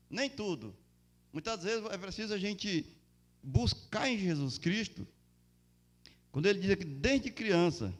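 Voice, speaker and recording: A man preaching a Sunday sermon in church as pastor, with emphatic rises and drawn-out words. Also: high-pitched, a bit bright. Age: adult. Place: church during a Sunday service.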